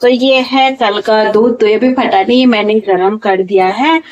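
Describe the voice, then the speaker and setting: A talkative woman from Uttarakhand records a casual home vlog, moving between her rooms and the kitchen. Her voice sits a little high, and she speaks loudly out of habit. She sounds a bit tired and run down from being unwell. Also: unhurried, muffled recording, slight background noise. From Uttarakhand, India. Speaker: home vlogger. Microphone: clip-on mic at times, later phone camera without it.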